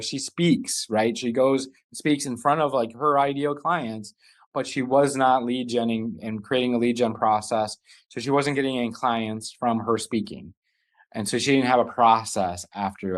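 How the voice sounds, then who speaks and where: A man leads a live online business masterclass, his pitch sitting in an ordinary middle register. He talks loosely and conversationally, often stopping to rephrase mid-sentence as he explains. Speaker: business coach hosting a masterclass. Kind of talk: live online teaching session.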